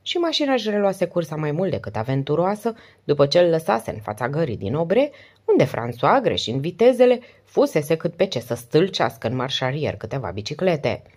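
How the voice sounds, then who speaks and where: A female narrator reads a novel aloud in a deep, low voice. Her delivery is steady yet lively in melody, rising and falling with the prose. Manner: steady, expressive reading. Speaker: audiobook narrator. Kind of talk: audiobook narration.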